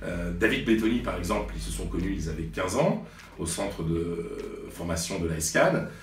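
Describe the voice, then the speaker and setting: A man's voice: sits low, animated, fairly quick. A French man in his late forties, a sports journalist, recounting memories in a hesitant way with many fillers and restarts. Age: 40s. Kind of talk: reflective storytelling to camera. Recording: roomy sound from a distance, faint music.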